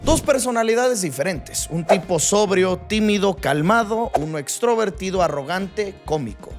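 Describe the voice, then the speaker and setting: A man's voice: sits high, animated, moderate pace. A man narrating a music documentary in a scripted, dramatic style with short listed phrases. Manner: dramatic, clipped listing phrases.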